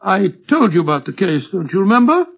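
An actor playing a genial, easily flustered older British doctor who bumbles and repeats himself, in a 1940s radio drama. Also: male voice, high voice, very animated, a little fast, slightly rough, full character voice. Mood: amiable, earnest. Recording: muffled old radio recording.

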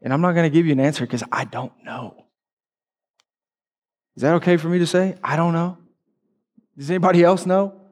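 A man's voice: a little high, fairly quick, long pauses, darkish tone. A man preaching a sermon, telling a personal story candidly and emotionally.

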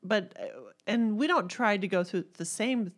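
A woman's voice: mid-range voice, moderate pace. A woman from Texas with a Southern accent, co-hosting a casual Bible discussion and chattily building on her partner's points. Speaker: podcast co-host.

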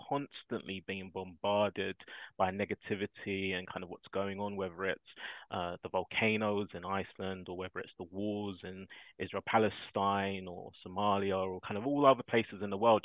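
Man, podcast guest, earnest reflective storyteller, deeper voice, thin phone-like audio. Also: no echo. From South London. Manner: earnest, thoughtful, laughs while telling stories. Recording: dry, tinny phone-like line.

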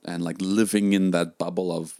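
A man's voice: low voice, flat delivery, normal speed, dark tone, no room sound, clean studio sound. A young man, a drum teacher, talking casually in a chat, with many fillers and restarts. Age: young adult.

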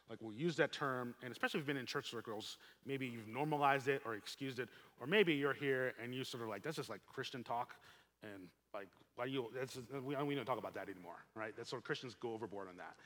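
A pastor delivers a sermon in an earnest, emphatic voice of medium pitch, swelling on key points and going soft at the ends of phrases. A long hall reverb surrounds the recording.

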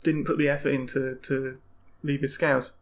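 A man's voice: mid-range voice, little pitch movement, normal speed. A man co-hosting a podcast in casual chat, jokey and chatty, often laughing. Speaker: podcast co-host.

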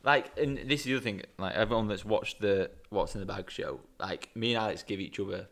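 An English man hosting a podcast, chatting casually and chiming in with quick quips. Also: fairly low pitch, a bit bright. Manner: easygoing, chimes in with quick quips. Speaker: podcast host. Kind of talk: casual chat.

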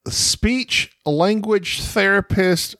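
A man co-hosting a podcast in casual banter, teasing and quick to argue his point. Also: high voice, sharp tone, dry recording, clean studio sound. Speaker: podcast co-host.

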